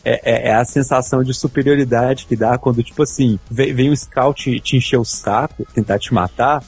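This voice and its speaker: A young man with a Brazilian accent, telling animated, slangy stories with mock outrage in a casual gaming chat. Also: medium pitch, moderate pace, slightly rough. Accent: Brazilian Portuguese.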